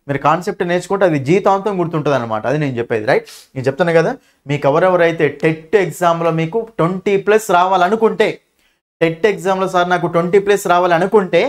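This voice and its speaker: A man with a Telugu accent teaching an exam-prep grammar lesson, speaking quickly and emphatically and often checking that students follow. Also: a little high.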